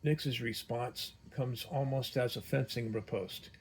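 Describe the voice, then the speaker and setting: A male narrator telling a fantasy adventure story in a measured, steady storytelling voice. The voice is husky and sits at a middle pitch.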